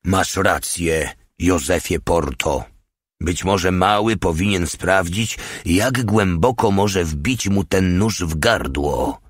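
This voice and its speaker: A man voicing a huge, dim-witted and menacing soldier in an audiobook, blunt and slow. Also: low voice, no room sound, studio quality.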